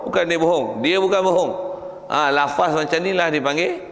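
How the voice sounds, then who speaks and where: A man with a Malaysian Malay accent giving a religious lecture, telling stories with animated acted-out dialogue and repeating points for emphasis. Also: a little high, a little fast. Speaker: Islamic preacher. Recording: echoey hall reverb.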